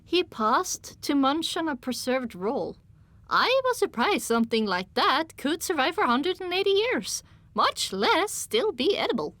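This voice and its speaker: A woman narrating a fantasy audiobook in the first person, her voice sitting a little higher than most. She tells the story in an even, measured way. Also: no room sound.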